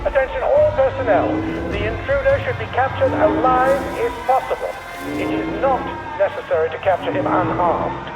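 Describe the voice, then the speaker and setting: A prim, officious camp announcer rings out over a loudspeaker in clipped, formal tones. His voice sits very high for a man and carries from far off. Loud game music plays under the announcements. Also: normal speed, pauses often. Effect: loudspeaker announcement heard over a camp PA. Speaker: camp public address announcer. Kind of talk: video game dialogue.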